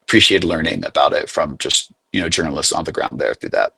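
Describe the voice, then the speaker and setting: A young man from the United States speaks in a low, slightly husky voice. He talks earnestly, restarting and refining his points as he reasons them through. The sound is dry, with no room around it. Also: fast talker, pushed and bright, no echo, low-quality recording. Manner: earnest, thinking aloud with frequent self-corrections. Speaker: guest, graduate student activist. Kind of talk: casual interview talk.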